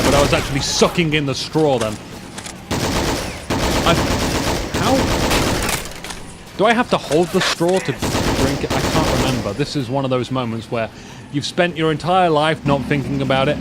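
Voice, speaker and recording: Rambling man commentating a war game. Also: a little high. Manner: rambling, joking asides. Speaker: gameplay commentator. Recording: loud game gunfire underneath. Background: gunfire and vehicle noise from the game.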